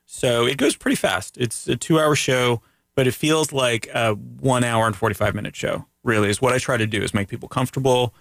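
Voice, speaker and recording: A man hosts a laid-back radio talk show, his voice gravelly with a mid-range pitch. He jokes and rambles easily, heard on a dry, close studio mic. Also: a little fast, a bit bright, no echo. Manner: joking, rambling, easygoing. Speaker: radio host. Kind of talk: casual radio chat.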